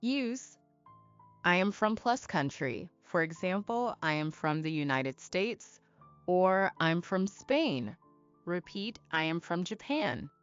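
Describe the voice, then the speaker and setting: A woman teaching English to beginners in a slow, clear, deliberate scripted style, asking learners to repeat after her. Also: fairly low pitch, very animated, dull audio, faint music behind. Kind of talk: slow scripted lesson narration.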